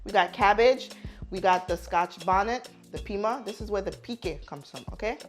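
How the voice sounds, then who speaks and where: Born in Haiti and raised in New York, this chef and cooking show host speaks at a medium pitch and normal speed with faint music behind her. She's playful and jokey as she casually runs a cooking tutorial, repeating words for emphasis and checking in with the viewer through "right?" and "okay?"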